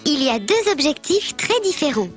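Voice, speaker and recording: With a high, sing-song voice at a moderate pace, a woman plays a friendly bird mascot on an educational programme, narrating scripted civics lessons in a structured, instructive way. Faint music plays in the background.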